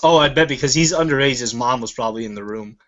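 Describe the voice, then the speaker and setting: A man's voice: medium pitch, fast, fairly bright tone. A man hosting a casual review chat, rambling and swearing freely as he goes. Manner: rambling and profane. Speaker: show host. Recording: muffled lo-fi recording.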